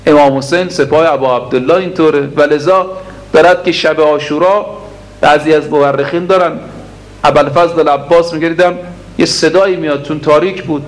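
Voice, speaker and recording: Higher-voiced man delivering a sermon. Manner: recites Arabic prayer lines slowly, then explains briskly; addresses the congregation directly with rhetorical questions. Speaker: preacher. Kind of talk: religious sermon.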